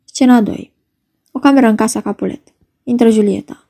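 A woman's voice: on the high side, fairly even intonation, creaky, dark tone. Woman reading stage directions. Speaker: reader.

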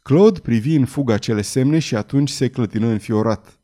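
A man narrating a novel as an audiobook in a measured, dramatic storytelling manner. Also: medium pitch, mellow.

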